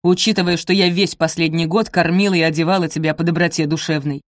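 A woman's voice: on the low side, fairly even intonation, fast talker, dry recording, studio quality, natural voice. A woman voicing a hissing cruel stepmother. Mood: cold, scornful. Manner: hissing, icy, commanding. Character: cold, cruel middle-aged stepmother, hissing and contemptuous.

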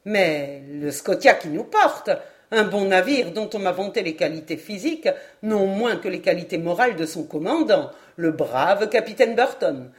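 A woman voicing a chatty, effusive foreign gentleman. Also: on the low side, expressive, normal speed, natural voice. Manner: voluble, effusive, jumps between topics. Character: talkative, excitable male foreign traveler.

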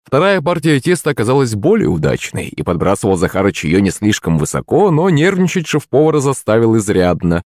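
A man narrating an audiobook with a fairly low voice that swings up and down expressively. The sound is dry and close, with no room around it. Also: fairly quick, few pauses, dry recording. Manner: lively, expressive storytelling.

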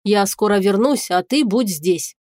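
A woman voicing an arrogant, cynical male dragon shapeshifter in an audiobook, speaking low and curt. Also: measured pace, a little mellow, no room sound, clean studio sound, lightly acted. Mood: calm.

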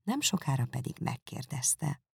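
Audiobook narrator, woman, deep husky voice, measured delivery. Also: dry recording, studio quality. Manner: calm, measured storytelling. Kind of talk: scripted narration.

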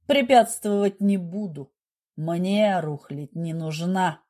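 A woman voicing a smug, menacing middle-aged businessman who speaks with low, slow, mock-gentle condescension. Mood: cold. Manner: condescending, turns harsh.

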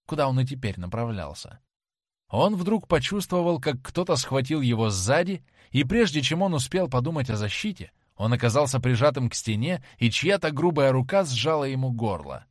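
A man narrating a classic novel as an audiobook in a dramatic, expressive manner. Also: medium pitch, normal speed, no echo, clean studio sound. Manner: dramatic, lively storytelling.

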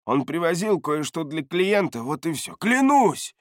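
A man's voice: fairly high pitch, very animated, a little slow, dry recording, clean studio sound, voice pushed up. A man voicing a jittery, shifty male dealer who whines and pleads in a raised voice. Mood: pleading.

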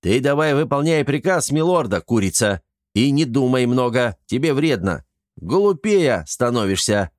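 A man's voice: medium pitch, very animated, a little slow, no echo, clean studio sound, pitched above the performer's own voice. A man voicing a grumpy, loyal older retainer who scolds others and warns his lord with wary caution. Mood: scolding. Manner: gruff, scolding, sagely cautious.

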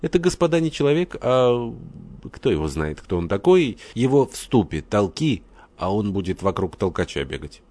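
A man doing a loud, blunt old aunt. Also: lowish voice, big pitch swings, moderate pace, pitched above the performer's own voice. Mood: emphatic. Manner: emphatic, folksy. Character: lively outspoken older aunt, blunt and excitable.

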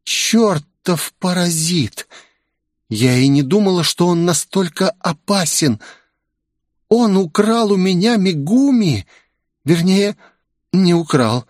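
A man voicing a hot-tempered, scheming young noblewoman in an audiobook, with breathless, shrill outbursts. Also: expressive, slow pace, no room sound, clean studio sound. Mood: furious.

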